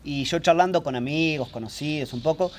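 A man's voice: a little high, a little fast, a little hiss or hum. A man co-hosting a storytelling show, talking in an easygoing, hesitant way and repeating words. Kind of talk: casual studio chat.

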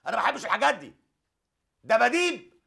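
An actor playing a boastful, grumpy older father and grandfather in a film comedy, talking loud and teasing. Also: sits low, sing-song, fast talker, husky, exaggerated voice. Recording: film soundtrack with music underneath.

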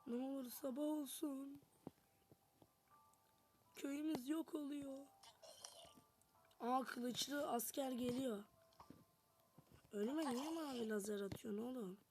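Woman chatting thru her gameplay, voice a bit high, music going underneath. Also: slow pace, long pauses, a little mellow, low-quality recording. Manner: chatty, talks to viewers while playing. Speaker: gameplay narrator. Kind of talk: casual game commentary. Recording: music playing behind.

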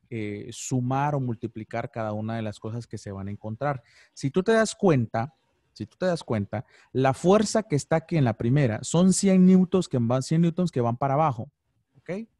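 Man, patient online teacher, mellow tone, dry close sound, video call. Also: mid-range voice, no room sound. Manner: patient, checks understanding with frequent "ok?". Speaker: physics teacher. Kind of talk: online class explanation.

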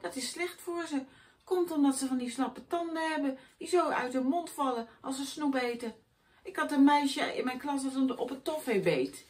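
A woman voicing a grumpy, greedy male schoolteacher who hates children, boastful and scornful, in a high, loud voice. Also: moderate pace, natural voice.

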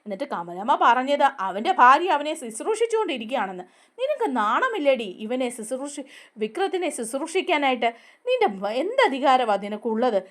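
A woman voicing an indignant, jealous young woman from a TV serial who bursts out in shrill, accusing lines. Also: sing-song, a little fast, a bit bright.

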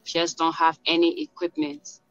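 A woman's voice: sits low, fairly even intonation, moderate pace, creaky, fairly bright tone, soft background music. A woman from Liberia, a nurse volunteer, earnestly recalling her return home in a video call interview. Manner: earnest, emotional recollection. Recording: dull lo-fi call audio.

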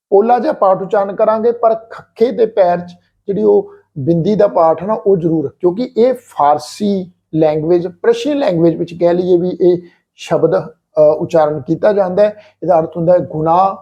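Patient Punjabi male teacher, slow deliberate delivery. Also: high-pitched, warm tone. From Punjab, India. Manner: patient, repeats words slowly and deliberately. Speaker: teacher of scripture recitation. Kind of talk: slow explanatory lesson on pronunciation. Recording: slightly dull lo-fi recording.

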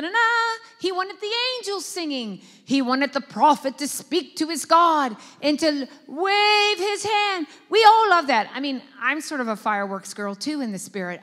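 A high, bright-voiced woman pastor preaching at a Bible study with animated storytelling. She acts out the quoted lines with big jumps in pitch. Her voice rings with the long reverb of a church hall.

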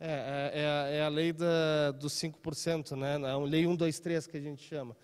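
A man's voice: fairly high pitch, little pitch movement, normal speed, clear, resonant tone, in a large hall. A man in his thirties giving a live seminar talk in a large conference room through a handheld microphone, checking in with the audience often. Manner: conversational, frequent "tá?" and "né?" check-ins. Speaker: trade seminar speaker.

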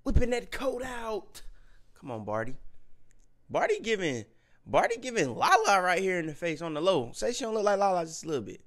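High, lively man reacting excitedly. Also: fairly quick. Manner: excitable, exclaiming, heavy slang and cursing. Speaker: reaction video host. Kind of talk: casual reaction commentary.

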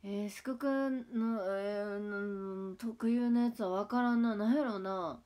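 A woman's voice: mid-range voice, measured pace. A woman in her twenties speaking with a Kagawa dialect, chatting casually with viewers on a livestream. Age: 20s. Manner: relaxed, chatty, answers viewer comments. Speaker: idol livestream host. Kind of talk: casual livestream chat reading comments.

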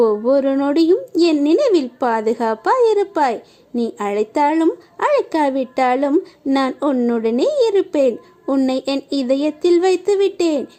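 Female reader for a scripted devotional message: high and mellow, steady and earnest, spoken to the listener. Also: a little slow.

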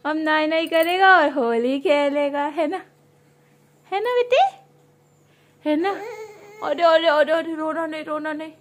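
A young woman talking to her baby son in loud, high, sing-song baby talk. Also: slow pace, pauses often. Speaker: mother.

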